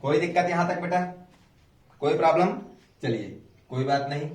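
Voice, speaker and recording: A man's voice: fairly high pitch, normal speed, darkish tone. A male teacher with an Indian accent teaching grammar to students, asking questions and having them repeat after him. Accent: Indian English. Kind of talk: classroom grammar lesson. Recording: echoey room, far from mic.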